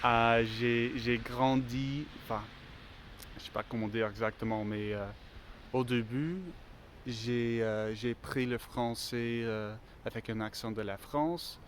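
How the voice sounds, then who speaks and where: This casual street vlog features an English-speaking man talking slowly in French he's still learning, hesitating with plenty of fillers and restarts. His medium-pitched voice stays fairly even, captured on a handheld phone amid faint traffic and street sounds.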